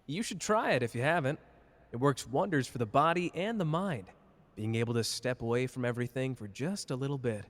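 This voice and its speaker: A man's voice: medium pitch, expressive, fairly quick, lightly acted. Man acting cocky, flirty Gojo in long reverb. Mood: breezy, relaxed. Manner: teasing, casual, boastful. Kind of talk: ASMR character roleplay addressed to listener.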